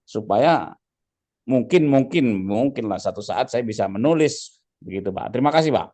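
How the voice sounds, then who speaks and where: A man's voice: medium pitch, expressive, mellow. A man in the audience asks the speaker a long question at an online seminar. He rambles, breaks off mid-word and keeps addressing the speaker respectfully. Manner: rambling, halting, ends phrases with "Pak". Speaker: audience member asking a question.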